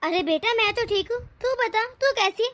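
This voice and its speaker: A woman's voice: very high voice, animated, moderate pace, fairly bright tone. A soothing, caring mother, voiced by a woman. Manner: soothing, reassuring. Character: caring mother of the young wife. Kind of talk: cartoon voice acting.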